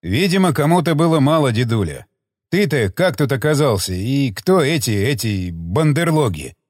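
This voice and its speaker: A man's voice: mid-range voice, very animated, moderate pace, darkish tone, no room sound, studio quality. A man voicing a blunt, wry young male army sergeant in an audiobook. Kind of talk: audiobook character voice.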